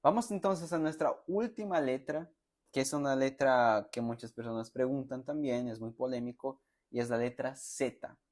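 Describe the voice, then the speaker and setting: A man teaching a pronunciation lesson, slowly sounding out example words and syllables for learners to repeat, with friendly check-in questions. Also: mid-range voice, a little mellow. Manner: slow, deliberate, sounds out words and syllables for repetition; friendly, addresses students directly with check-in questions. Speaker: Spanish teacher.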